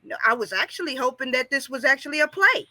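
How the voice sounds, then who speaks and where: A woman's voice: high voice, animated, fast, bright, forceful tone, no echo. A woman calling into a radio talk show, arguing defensively and insistently in casual, sweary language. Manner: casual swearing, addresses host as bro. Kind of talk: unscripted live debate.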